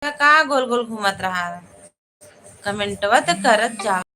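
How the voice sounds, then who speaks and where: A woman hosting a live stream, speaking in a fairly high, bright voice. She talks at an unhurried pace, greeting viewers one by one and asking them to share and support, with faint noise behind her on a phone mic. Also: expressive, rough recording. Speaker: live-stream host and folk singer. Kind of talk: casual live-stream chat.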